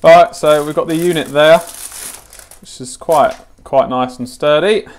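In his home kitchen, a British fishing channel host in his twenties walks through a relaxed product unboxing and tutorial. His fairly high voice moves at a measured pace, with a chatty, matter-of-fact, informal tone.

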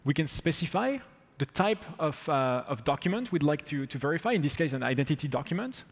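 A man's voice: on the high side, sing-song, a little fast. A man in his thirties giving a live coding demo on a conference stage, walking through each step with upbeat energy. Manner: upbeat, walks through steps as he goes. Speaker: product demo presenter. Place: large conference hall, on stage. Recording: long hall reverb.

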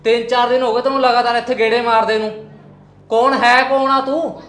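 A man's voice: very high-pitched, flat delivery, fairly quick, fairly bright tone. A man playing a drunk, confrontational male tenant in a family drama, accusing and aggressive. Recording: echoey room, faint music.

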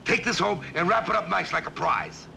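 An excitable gravelly cop. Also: male voice, high voice, moderate pace, heavily acted. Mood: eager. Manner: eager, excitable. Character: good-natured bumbling male police officer. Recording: hissy old TV soundtrack.

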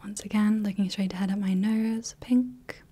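A woman voicing a gentle female clinician in a whispered role-play, softly reassuring as she runs light tests. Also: mid-range voice, steady tone, breathy edge, close to an everyday voice. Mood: soothing. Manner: soft, slow, reassuring, checks in often. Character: gentle female clinician testing the viewer's eyes. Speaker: ASMR creator playing a clinician running light tests.

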